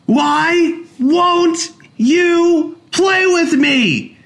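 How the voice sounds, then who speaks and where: A man's voice: very high voice, extremely slow, vocal fry, fairly bright tone, voice pushed up, full character voice. A man voicing a bratty young boy who screams and whines demands. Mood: bossy. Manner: screaming, whiny.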